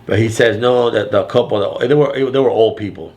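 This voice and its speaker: An older man with a deep, loud voice, telling a rambling story in a casual vlog, restarting sentences often. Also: brisk. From Florida. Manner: rambling with frequent restarts and fillers. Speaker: vlogger.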